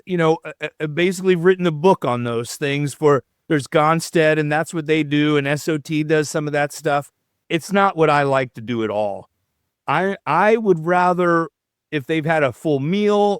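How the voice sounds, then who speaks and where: A middle-aged man, a chiropractor answering questions in a podcast interview, explaining in an animated, demonstrative way. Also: fairly high pitch, smooth, no echo, clean studio sound. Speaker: chiropractor guest.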